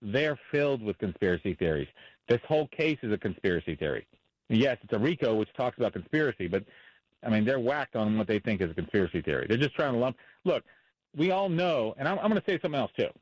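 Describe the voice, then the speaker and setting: A man's voice: mid-range voice, very animated, fast, dry recording, low-quality recording. A man speaking as a defense attorney in a radio interview, blunt and impassioned, repeating himself for emphasis.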